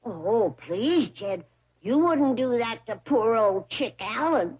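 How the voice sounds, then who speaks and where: Scrappy old hillbilly granny, high, slow-talking, wheedling, barker patter. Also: female voice, animated, breathy edge, full character voice. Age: older. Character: feisty old hillbilly granny, self-styled doctor. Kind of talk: 1960s sitcom acting. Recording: dull lo-fi TV audio with noise.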